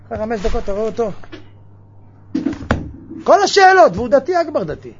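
A man giving a lively religious sermon, firing off mocking rhetorical questions. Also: very high voice, dull audio, background noise. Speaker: preacher.

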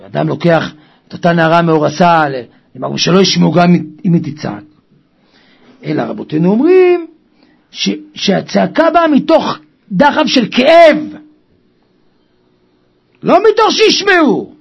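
A man delivers a Torah sermon with fervor, his voice high and gravelly. He swings between hushed, husky stretches and loud cries. The recording is dull and lo-fi. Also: sing-song, pauses often. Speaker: preacher.

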